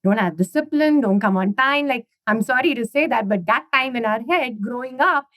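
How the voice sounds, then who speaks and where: A woman's voice: on the high side, expressive, normal speed, fairly bright tone, no echo. A middle-aged woman from India, chatting as a guest in an interview and leaning on "you know" and "right?". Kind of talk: casual interview conversation.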